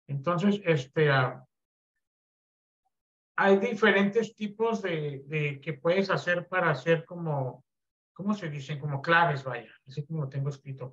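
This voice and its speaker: A man teaching a basic computer class over a video call, relaxed, with many fillers and check-in questions. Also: on the high side, moderate pace, dull audio.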